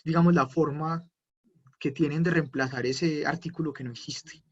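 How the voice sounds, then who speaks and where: A man's voice: on the high side, fairly even intonation, normal speed, muffled recording. A man teaching German in a live online class, explaining patiently and answering viewers' questions. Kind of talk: live online language lesson.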